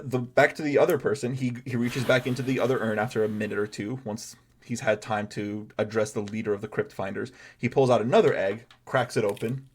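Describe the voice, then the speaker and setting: A man's voice: mid-range voice, darkish tone. A man narrating as game master of a tabletop game, chatty and rambling, with many fillers and restarts.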